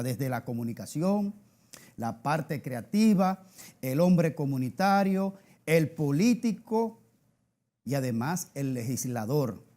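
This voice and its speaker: Man, Dominican accent, TV interview host, lively intonation, emphatic. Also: on the high side. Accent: Dominican Spanish. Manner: lively, emphatic introductions with many short backchannels.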